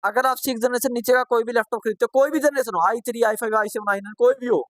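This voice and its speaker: A man's voice: very high voice, steady tone, fairly bright tone, dry recording. Man teaching, quizzing himself, dry sound. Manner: asks questions and answers them himself; repetitive, urges students to answer quickly. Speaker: computer course teacher. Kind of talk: live online class lecture.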